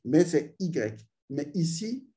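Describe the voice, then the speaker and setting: A man with a slightly high but mellow, warm voice gives ritual instruction. He speaks slowly and deliberately, often stopping to intone long vowel sounds and asking his students if they follow. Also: sing-song. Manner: addresses learners directly, repeats "vous voyez". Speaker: spiritual teacher.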